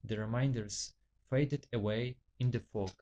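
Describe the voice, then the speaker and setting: Male author reading his novel, unhurried and deliberate, middle-pitched, trips over words and corrects himself. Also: mellow, muffled recording, slight background noise. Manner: slow, halting reading with frequent stumbles and self-corrections.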